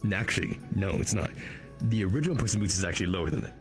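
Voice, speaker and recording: A man chatting casually on a live stream in a relaxed, matter-of-fact way. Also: low voice, rapid-fire, soft background music. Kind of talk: casual chat.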